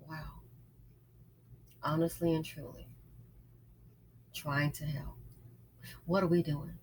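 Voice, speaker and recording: A woman's voice: low voice, flat delivery, slow pace, darkish tone, slight background noise. A woman giving a casual, opinionated monologue as an online host, emphatic and often repeating phrases to drive a point home. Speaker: YouTube host and small business owner.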